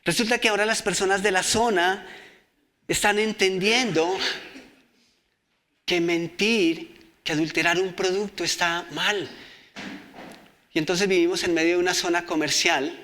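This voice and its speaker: A man's voice: sits high, fairly even intonation, a little slow, pauses often, bright, forceful tone. A man preaching a sermon, reading scripture aloud and asking the congregation questions.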